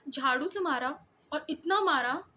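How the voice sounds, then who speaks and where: A woman's voice: sits high, unhurried, sharp tone. A young woman vlogger chatting casually to her viewers, telling stories in a giggly, talkative way.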